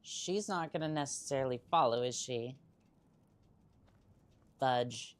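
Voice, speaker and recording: A woman with a very deep voice talks slowly during a video game livestream. The chat is casual, full of playful teasing and hesitant musings, with occasional in-character asides over the gameplay.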